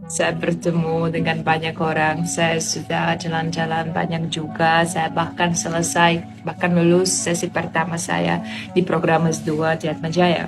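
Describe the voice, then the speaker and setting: Slow, low-voiced young woman with Polish accent, foreign speaker. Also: monotone, vocal fry, music in the background. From Poland. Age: young adult. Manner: foreigner speaking Indonesian as a learned language, with hesitations. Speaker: vlogger, master's student. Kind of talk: casual vlog to camera.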